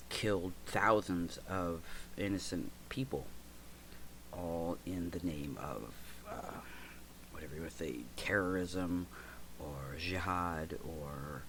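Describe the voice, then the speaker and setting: A stuffy, congested American man in his forties hosts a podcast, giving a reflective personal talk. He speaks haltingly, with lots of fillers and restarts. His voice sits low against a noisy background.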